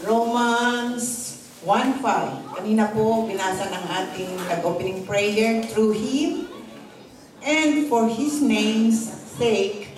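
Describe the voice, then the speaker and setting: A woman's voice: medium pitch, a little mellow. A woman pastor preaching a morning sermon, telling a story politely and switching between Tagalog and English. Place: church service, morning gathering. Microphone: handheld or stand microphone. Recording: very echoey hall, voice from a distance.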